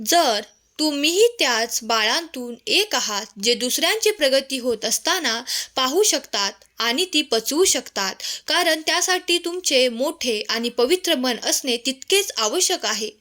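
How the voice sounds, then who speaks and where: Bright, high-voiced woman reading devotional messages. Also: expressive, unhurried, hardly any pauses. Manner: gentle, tender address to the listener as a child.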